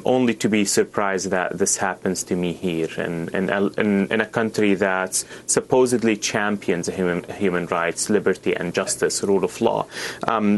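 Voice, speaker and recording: A man's voice: on the low side, slight background noise. A young man from Syria, not an English speaker, answering interview questions earnestly with many restarts and fillers. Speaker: guest.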